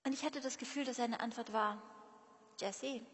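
A woman shares a personal devotional reflection in a confessional, searching way, turning often to speak straight to her listeners. Her voice is high, and a long reverb trails behind every phrase. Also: fairly even intonation, fast, slightly rough.

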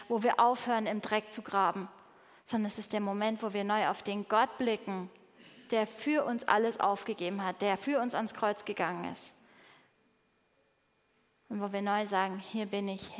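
A woman preaching a sermon with fervent emphasis and soft, hushed appeals, addressing a congregation in a church. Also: medium pitch. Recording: reverberant hall.

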